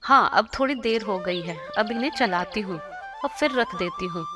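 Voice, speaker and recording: Naive young cartoon bride voiced by a woman, innocent and literal, over loud backing music. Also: medium pitch, lively intonation, normal speed, close to an everyday voice. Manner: innocent, literal-minded questioning. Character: young foolish daughter-in-law, naive and literal.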